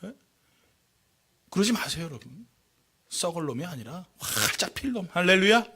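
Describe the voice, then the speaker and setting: A male pastor preaching a lively, joking sermon in church, often calling out questions to the congregation. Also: high-pitched, normal speed, slightly rough. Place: church sanctuary.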